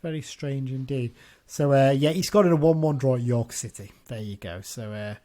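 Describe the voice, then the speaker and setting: A man hosts a relaxed football podcast in an ordinary mid-pitched voice. He chats along loosely, restarting and correcting himself as he goes. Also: normal speed. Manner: chatty, with frequent restarts and self-corrections. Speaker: podcast host. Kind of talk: casual football chat.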